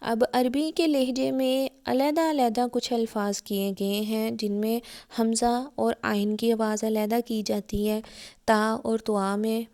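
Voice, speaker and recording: A woman's voice: fairly high pitch, little pitch movement, takes it slowly, a little mellow. A woman with a Pakistani Urdu accent teaching Quran recitation, patiently repeating and spelling out letters one by one. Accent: Urdu-speaking Pakistani. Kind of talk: explanatory religious lesson.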